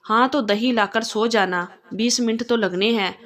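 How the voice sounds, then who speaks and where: Sweet teasing young wife from a storybook reading, a woman voices her, a little high-pitched. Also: fairly even intonation, normal speed, a bit bright, lightly acted. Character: cheeky loving young wife.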